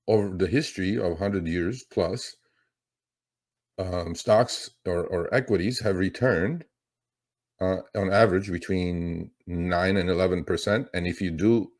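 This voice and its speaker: Middle-aged male finance host, very low-pitched, loose rambling delivery full of fillers. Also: darkish tone. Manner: rambling, lots of fillers and restarts. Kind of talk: casual market commentary.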